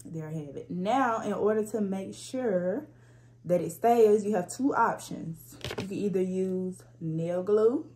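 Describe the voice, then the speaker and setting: A woman's voice: medium pitch, a little slow, slight background noise. A woman hosting a hair tutorial, casually talking through each step as she works with her hands, recorded on a propped-up phone. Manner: relaxed, instructive, talks through each hand step. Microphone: phone propped up on a spray bottle.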